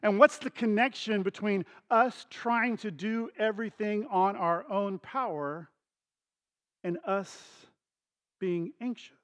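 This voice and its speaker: A middle-aged pastor delivers his sermon in a high voice. He talks to the congregation casually and acts out scenes with voices and sound effects. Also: slow pace, fairly bright tone. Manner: storytelling with acted dialogue and sound effects; conversational, addresses congregation directly.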